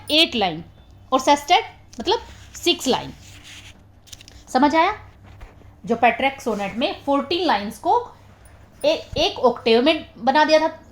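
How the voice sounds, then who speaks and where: High-voiced woman teaching in mixed Hindi-English. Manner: explains step by step, keeps asking "ठीक है?"; mixes Hindi with slow, careful English phrases. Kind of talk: exam-prep literature lecture.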